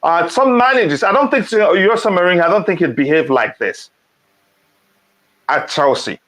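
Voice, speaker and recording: A man who grew up in Nigeria hosts a casual live-stream football talk. His voice sits a little high for a man. He reads chat comments aloud and fills gaps with ums and restarts. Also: expressive, normal speed, a bit bright.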